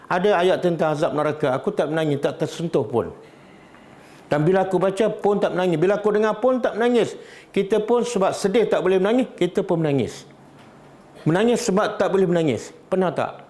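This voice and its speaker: A man's voice: sits high, brisk, a little mellow. A man with a Malaysian Malay accent teaching a Quran study class, often asking the audience questions and repeating key words. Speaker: religious teacher.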